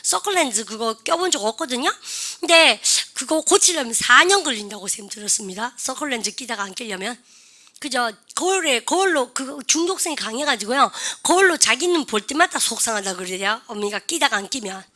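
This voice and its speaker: A woman's voice: on the high side, lively intonation, a little fast, bright, forceful tone. A woman teaching English and leading her class in repeat-after-me drills, coaxing and calling out cues.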